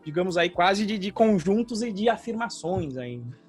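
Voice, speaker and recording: A man's voice: high-pitched, very animated, normal speed, faint music behind. A man from Brazil co-hosting a podcast, explaining things like a teacher and often tagging his sentences with little check-in questions. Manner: explanatory, frequent "tá?" tag questions. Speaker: podcast co-host, programming teacher. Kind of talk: casual podcast chat.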